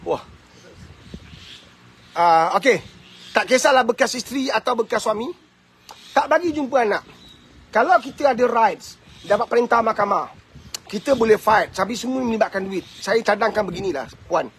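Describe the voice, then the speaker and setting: A man with a Malaysian Malay accent hosting a live advice talk, answering viewer questions in an animated, preachy and teasing way. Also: sits high, moderate pace, long pauses, slightly rough. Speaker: host giving advice.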